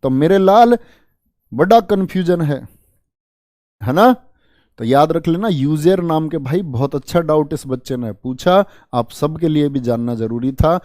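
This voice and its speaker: A man's voice: on the high side, unhurried, a little mellow, no room sound, clean studio sound. A man teaching spelling to exam students in a chatty, affectionate way, repeating words to drill them. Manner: dramatic promises to students. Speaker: Hindi teacher for exam prep. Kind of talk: online exam-coaching lesson.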